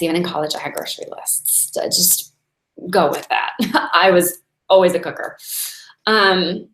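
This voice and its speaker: A woman's voice: mid-range voice, fairly bright tone. A woman in her forties giving a chatty, earnest inspirational talk as a meditation teacher, laughing now and then between thoughts. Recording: echoey room.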